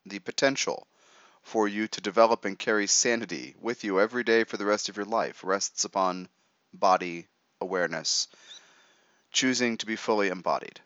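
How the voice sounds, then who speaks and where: Male meditation guide, lowish voice, measured and instructive, short phrases with pauses, slightly dull dry recording. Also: fairly bright tone, no echo.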